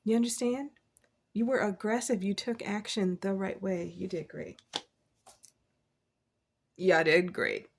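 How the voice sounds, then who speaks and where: A woman giving a casual, encouraging tarot reading from her desk, chatty and quick to laugh. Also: mid-range voice, steady tone, vocal fry. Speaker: tarot reader.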